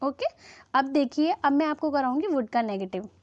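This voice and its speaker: A woman teaching English grammar to Hindi speakers, checking in with "okay?" after each point and reading example sentences slowly. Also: sits high, lively intonation, darkish tone, no room sound. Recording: slightly dull, lo-fi sound.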